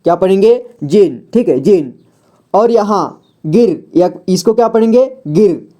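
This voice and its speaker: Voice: mid-range voice, lively intonation, measured pace, warm tone. A patient teacher giving a beginners' reading lesson in voice-over, sounding out each word, asking the learner questions and answering them, and checking in often. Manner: patient, repeats words and checks with "ठीक है"; asks the viewer questions, then answers them.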